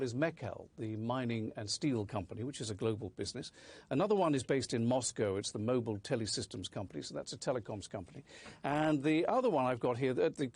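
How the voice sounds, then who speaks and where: A man's voice: mid-range voice, a little mellow, slightly rough, dry recording. A man reporting live as a news correspondent, explaining in a conversational way.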